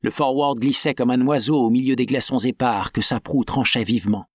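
A man narrating an adventure novel in a steady, dramatic storytelling manner. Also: mid-range voice, a little fast, no room sound, studio quality. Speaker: audiobook narrator.

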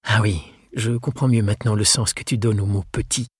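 A man's voice: on the low side, fairly even intonation, fairly quick, slightly rough, dry recording, studio quality. A man voicing a polite young Frenchman who speaks a little hesitantly. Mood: polite, puzzled.

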